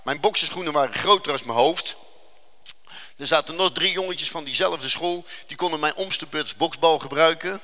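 A man giving an earnest personal faith testimony, telling his story dramatically and slowing down for emphasis. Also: a little high, bright, forceful tone, big-room sound.

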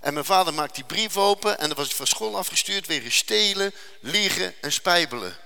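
A man's voice: high voice, lively intonation, vocal fry, bright, forceful tone, clear, resonant tone. Earnest man telling his testimony in a reverberant hall. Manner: earnest, dramatic storytelling with slowed emphasis. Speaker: speaker giving a faith testimony. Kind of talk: personal testimony.

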